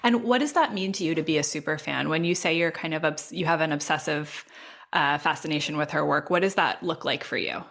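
A woman's voice: low-pitched, fairly quick, gravelly, fairly bright tone. A woman hosting an interview podcast, introducing and questioning her guest.

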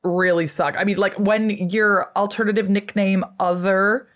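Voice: mid-range voice, little pitch movement, measured pace, fairly bright tone. A guest historian telling history in a casual, chatty way, full of fillers and acted-out quotes.

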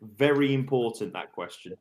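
A man hosts a relaxed online panel chat, reading out quiz questions at a measured pace. He ribs the other panelists between questions. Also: medium pitch. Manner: reads quiz questions slowly, teases panel. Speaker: quiz host of a darts podcast.

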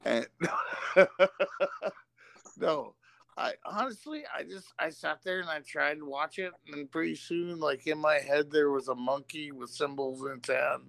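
A man's voice: a little high, unhurried, vocal fry, fairly bright tone, no echo. A man co-hosting a casual movie podcast, joking, profane and self-mocking. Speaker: podcast co-host.

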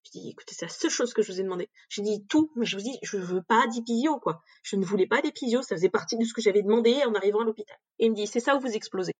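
A woman's voice: medium pitch, a little mellow, breathy edge. A young adult woman giving a frank, conversational account of a hard personal experience as a podcast guest. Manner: frank, fast and conversational, full of fillers. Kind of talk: candid personal testimony.

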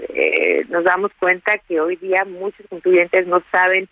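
A woman, a tax expert answering interview questions in a measured, technical way with many fillers. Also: on the low side, big pitch swings, lo-fi sound. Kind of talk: explanatory radio interview answers.

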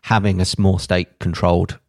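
Measured low-pitched man. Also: little pitch movement, no echo, clean studio sound. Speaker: podcast co-host. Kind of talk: casual chat.

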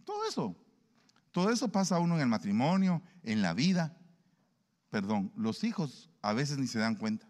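Animated male preacher in a reverberant hall. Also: mid-range voice, moderate pace. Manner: animated, acts out everyday dialogues. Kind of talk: sermon.

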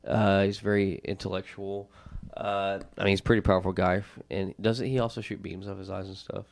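Low-voiced laid-back man hosting. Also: level tone, fairly quick, creaky. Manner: laid-back, laughs often, hedging. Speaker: host. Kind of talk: casual chat about fictional matchups.

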